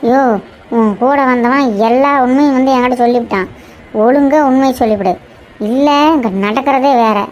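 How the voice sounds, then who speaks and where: A woman playing a tearful village wife, cartoon drama, reproachful, higher pitch, faint background noise. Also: normal speed, highs cut off, close to an everyday voice. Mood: angry. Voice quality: pleading, reproachful, flat despairing tone. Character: distressed village wife Vasanthi, weary and tearful.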